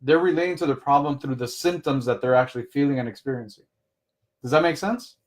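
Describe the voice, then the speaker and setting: A man's voice: medium pitch, fast. A man giving business advice in a live coaching session, talking casually, explaining through personal examples and often checking in with "right?". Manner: conversational, keeps checking in with "right?".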